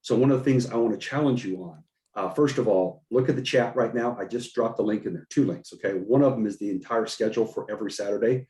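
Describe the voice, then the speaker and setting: A man's voice: on the low side, fast, mellow, echoey room. A man hosting a group video call, encouraging and upbeat, coaching his listeners and often repeating his words. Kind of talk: motivational coaching talk.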